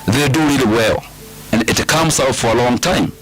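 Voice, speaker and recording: A man's voice: medium pitch, normal speed, faint music behind, rough recording. A middle-aged man from Kenya with a Kikuyu Kenyan accent, talking casually and emphatically as an interview guest, like a storyteller. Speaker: guest, comedian.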